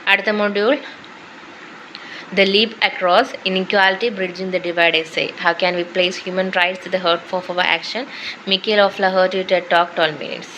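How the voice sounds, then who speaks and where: A woman with a Malayali accent reads a syllabus aloud, topic by topic, at a very slow and deliberate pace. Her voice sits a little low, and she mixes English and Malayalam between the items. Faint noise hums behind her. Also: fairly even intonation, pushed and bright, rough recording. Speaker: teacher going through a syllabus. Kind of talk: reading out a course syllabus.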